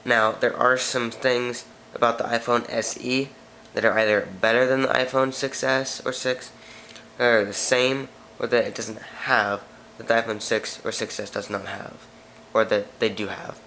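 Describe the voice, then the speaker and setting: A man with a stuffy nose hosts a casual tech video, chatting off camera through a product walkthrough of phone specs and correcting himself often as he reads them. His medium-pitched voice is bright and forceful, with flat delivery at a moderate pace, and there's a little hiss or hum.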